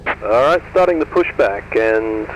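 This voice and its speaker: A man's voice: fairly low pitch, lively intonation, unhurried, highs cut off, a little hiss or hum. A man playing a matey pushback ground crewman making short procedural calls.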